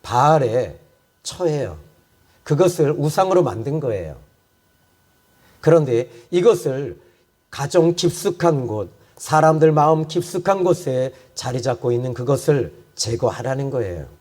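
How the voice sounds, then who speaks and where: A man's voice: medium pitch, animated, measured pace, a little mellow. A man preaching a sermon as a pastor, impassioned, often speaking God's pleading words to the congregation.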